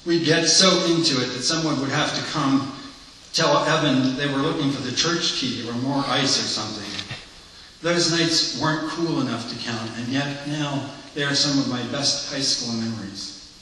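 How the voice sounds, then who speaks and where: A man's voice: mid-range voice, normal speed, sharp tone, a little hiss or hum, natural voice. A man reading the part of an earnest blind man confiding his past to a priest, in a candid, reflective monologue, heard in an echoey hall from far off.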